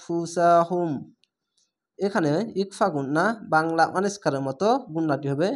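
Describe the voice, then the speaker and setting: A male reading teacher works through a lesson syllable by syllable. He draws each vowel out and breaks each word into parts. He repeats his instructions patiently, in a plain, unhurried teaching voice. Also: on the high side. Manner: spells out syllables one by one, stretching the vowels.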